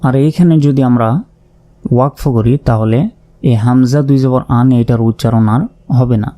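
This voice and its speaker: A man's voice: mid-range voice, fairly even intonation, moderate pace, dark tone. A man teaching Quran recitation, spelling out Arabic words letter by letter and explaining pronunciation rules patiently and methodically.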